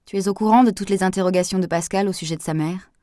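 A woman's voice: mid-range voice, fast talker, warm tone, no echo, clean studio sound, close to an everyday voice. A woman reading as a blunt, defensive man. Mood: guarded.

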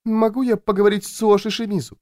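A man's voice: high-pitched, little pitch movement, fast, darkish tone, pitched above the performer's own voice, close to an everyday voice. A man voicing a shocked, indignant wife who speaks in a scandalized tone.

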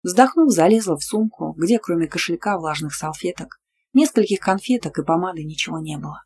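Low, mellow woman reading an audiobook. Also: animated, brisk, a little hiss or hum. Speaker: audiobook narrator. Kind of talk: first-person audiobook narration.

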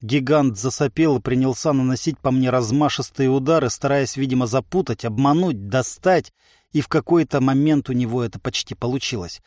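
A man's voice: mid-range voice, brisk, dry recording. Man narrating an audiobook, dry sound. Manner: lively, ironic first-person telling.

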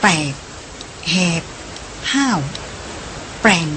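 A woman reading the part of an uneasy young man, the middle brother, who speaks in a hesitant, halting way. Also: sharp tone, slight background noise, rough recording.

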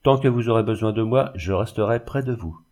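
A man's voice: on the low side, a little fast, darkish tone, close to an everyday voice. A man reading the part of a proud, resolute young wife, raising his voice a little for her. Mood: firm. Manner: firm, proud. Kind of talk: audiobook character reading.

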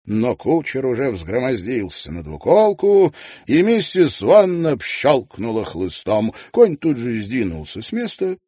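Husky male audiobook narrator. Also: medium pitch, huge pitch swings, measured pace, dark tone, no room sound, clean studio sound. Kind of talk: scripted narration.

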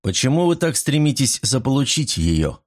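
Man doing an earnest young gentleman. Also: medium pitch, animated, normal speed, natural voice. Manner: earnest, polite.

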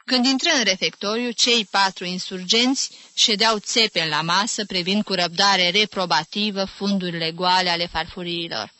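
Audiobook narrator, female, measured and clear; bright voice, dry recording. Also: medium pitch, steady tone, no echo. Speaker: audiobook reader.

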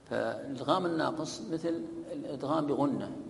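A man with a gravelly, rough-edged voice teaches recitation rules in a long-reverb mosque hall. He reads from a text, then explains, drawing out each example word slowly and on repeat. A faint low rumble runs behind him.

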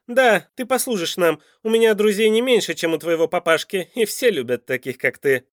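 A man voicing a cruel, lecherous crime-boss duke who talks in a loud, scornful sneer. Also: sits high, sing-song, brisk, dry recording, clean studio sound, voice pushed up.

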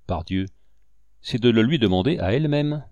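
A man voicing a shrewd old hunter and guide who talks in a calm, fatherly, gently teasing way, in an audiobook reading. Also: mid-range voice, moderate pace, no room sound, lo-fi sound, close to an everyday voice. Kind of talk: audiobook character voice.

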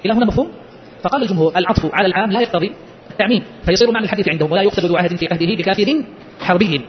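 A man lectures on a legal text at a very fast clip and keeps firing short questions at his listeners. His voice sits high, and the recording is a little muffled. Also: slight background noise. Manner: quizzes listeners with quick rhetorical questions. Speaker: Islamic jurisprudence teacher. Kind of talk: explaining a legal-theory text.

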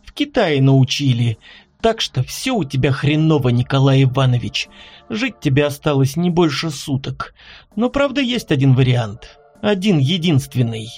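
A man voicing a calm, sly female contract killer who mocks her captive. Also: mid-range voice, normal speed, faint music behind.

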